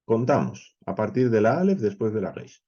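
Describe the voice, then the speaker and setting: A man's voice: fairly low pitch, big pitch swings, moderate pace, mellow, slightly rough, muffled recording. A man with an accent from Spain teaching a verse-by-verse Bible lesson, working through each step methodically and counting letters aloud, often checking in with his listeners.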